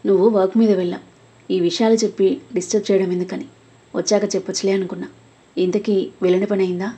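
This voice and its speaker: Woman doing a gentle elder brother, quiet and reassuring, breathy husky tone, storybook reading. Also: mid-range voice, flat delivery, quick pace. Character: calm protective elder brother, adult man.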